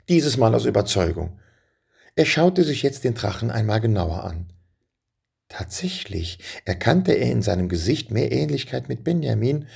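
A man's voice: mid-range voice, warm tone. A man reading a children's story aloud and chatting directly with his young listeners. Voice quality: gravelly.

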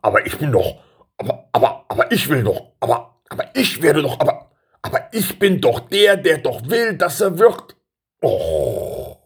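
A brawny, slow-witted young prince from a children's story, voiced by a man. He grumbles in a low, rumbly, gravelly voice and stammers when he gets confused. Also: animated, darkish tone, heavily acted. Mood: dim.

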